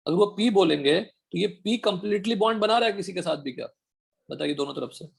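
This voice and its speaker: Man, teacher, high-pitched, husky, online lesson, quick questions to students. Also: lively intonation. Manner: quizzing students with rapid questions. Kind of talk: online chemistry class, Hindi mixed with English.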